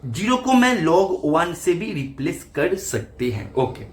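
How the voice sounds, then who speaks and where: A man's voice: on the high side, sing-song, unhurried. A man teaching maths in an online exam-prep lecture, walking students through each step by asking and answering his own questions.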